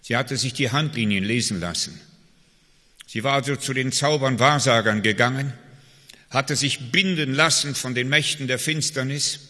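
Male preacher, emphatic sermon delivery, bright tone, reverberant hall. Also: medium pitch, normal speed. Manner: emphatic preaching with swings between loud calls and quiet confession.

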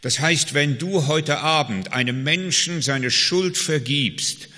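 Man, preacher, sermon, bright forceful voice, long hall reverb. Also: a little high, takes it slowly. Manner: emphatic preaching with swings between loud calls and quiet confession.

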